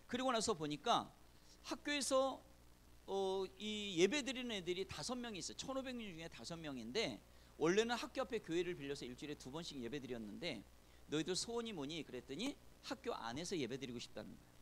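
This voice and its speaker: A middle-aged male pastor preaching to youth in a high, very lively voice. He tells stories with animation and acts out the voices of people in them. A faint ambience hangs behind him in an indoor hall. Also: fast, a little hiss or hum. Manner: animated storytelling, acting out dialogue. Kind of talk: sermon to young people.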